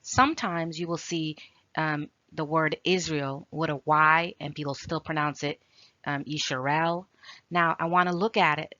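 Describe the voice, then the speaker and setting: A woman teaching in a casual video lesson, pressing her case with pointed rhetorical questions. Her voice is bright and fairly low, recorded dry and close with a slightly dull, lo-fi sound. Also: steady tone, unhurried, dry recording. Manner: emphatic, rebutting with rhetorical questions. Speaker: language teacher.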